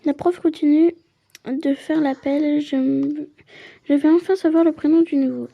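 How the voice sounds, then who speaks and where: A woman's voice: sits high, fairly even intonation, moderate pace, gravelly, muffled recording. A woman playing a story game, reading the narration aloud and adding chatty asides of her own. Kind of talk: casual playthrough with read-aloud narration.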